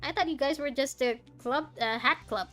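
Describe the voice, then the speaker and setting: Game music plays under a female streamer's voice as she reacts casually and muses informally about the game she's playing. She speaks at a normal pace in a high-pitched voice.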